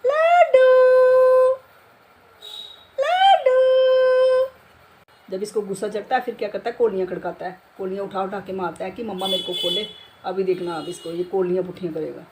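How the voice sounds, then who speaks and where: A woman's voice: on the low side, fairly even intonation, quick pace, heavy background noise. A middle-aged woman chatting casually in a home vlog, talkative and self-mocking, often breaking into laughter. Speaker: vlogger, beauty salon owner.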